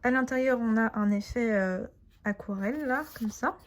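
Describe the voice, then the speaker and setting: A woman with a fairly high voice talks through an unboxing in a relaxed, chatty way. She is enthusiastic but often pauses and hesitates. Between comments she reads card names aloud and adds translations. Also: slight background noise. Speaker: tarot and oracle deck reviewer. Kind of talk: casual unboxing narration.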